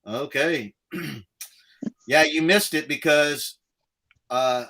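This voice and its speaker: A man's voice: a little high, extremely slow, sharp tone. A man hosting a casual live stream, chatting and reading out comments from viewers.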